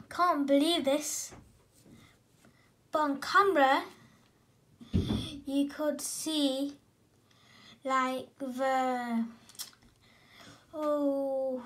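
Girl gamer vlogger, high voice, talks slow and rambly, keeps tripping over her words. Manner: excited, rambling, self-correcting. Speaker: gaming channel host. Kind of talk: casual unboxing vlog.

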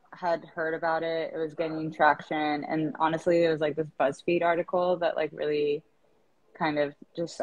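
Woman guest, 30s, from East Africa, deep voice, rambly and casual on a video call. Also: dull audio. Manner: chatty, many fillers and restarts. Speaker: founder, interview guest.

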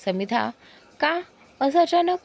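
A woman's voice: sits high, lively intonation, slow pace, creaky, pitched above the performer's own voice, full character voice. A woman doing an impatient young man. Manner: pushy, pleading. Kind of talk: storybook character voice.

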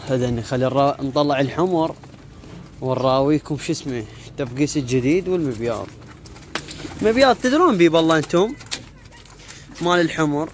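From an outdoor pigeon yard lined with cages, a YouTuber and pigeon keeper with an Iraqi Arabic accent vlogs casually on a handheld phone. His fairly high voice has lively intonation and a slightly fast pace with frequent pauses, and he rambles using repeated filler phrases as pigeons coo over faint noise.

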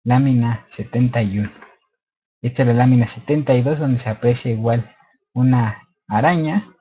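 A man's voice: mid-range voice, mellow, slightly rough, muffled recording. A man presenting a slide lecture in casual unscripted speech, hesitant with many fillers and restarts.

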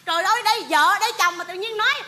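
A woman's voice: extremely high pitch, very fast, sharp tone, full character voice. An actress playing a wife in a stage comedy sketch, coaxing her husband and scolding a youngster. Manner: cajoling, then scolding. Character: wife soothing her hot-tempered husband.

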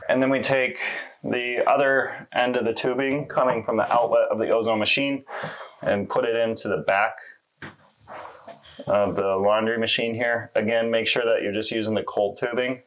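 A man in his thirties casually walking through a laundry installation step by step in a small laundry room, relaxed and conversational. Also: mid-range voice, moderate pace. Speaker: installation demonstrator. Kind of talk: casual how-to walkthrough.

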